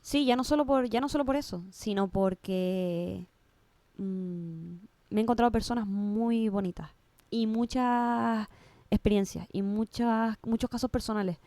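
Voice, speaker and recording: A woman's voice: mid-range voice, unhurried, dark tone, no echo. A woman with a Canary Islands Spanish accent, a guest in an interview, speaking emotionally and often restarting and repeating her words. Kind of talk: casual interview conversation.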